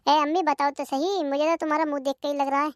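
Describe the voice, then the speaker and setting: A protective young daughter in a comic cartoon, voiced by a woman. She speaks high and bright, with a dry, close recording. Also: level tone, fast talker, dry recording, natural voice. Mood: concerned. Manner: concerned, then confrontational. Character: young married daughter visiting her mother, protective.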